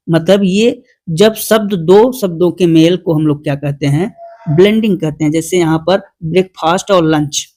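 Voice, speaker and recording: A teacher giving an online exam-prep lesson. They slowly read out quiz questions, then explain them, often asking the class a question and answering it themselves. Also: mid-range voice, a little mellow.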